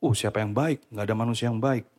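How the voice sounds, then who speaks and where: A man preaching a sermon to a church congregation, animated and often slipping English phrases into his talk. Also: lowish voice, fast. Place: church hall.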